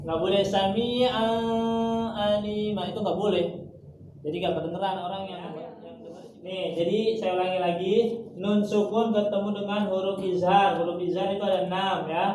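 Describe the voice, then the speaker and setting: A man teaching Quran recitation in an informal class, patiently repeating rules and slowly chanting drawn-out example words. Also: high voice. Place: gathering room with students. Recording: echoey room, far from mic, noisy.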